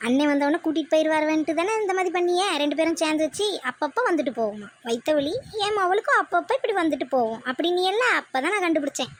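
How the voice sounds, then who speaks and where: A woman's voice: sits high, lively intonation, racing, hardly any pauses. Woman as an indignant put-upon daughter-in-law. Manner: indignant, sarcastic. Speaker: narrator and voice artist. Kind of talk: cartoon voice acting.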